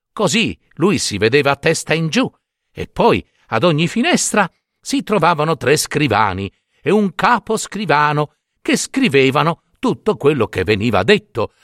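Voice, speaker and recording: A man telling a fairy tale in an animated, playful reading style. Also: fairly high pitch, dry recording, studio quality. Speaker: storyteller.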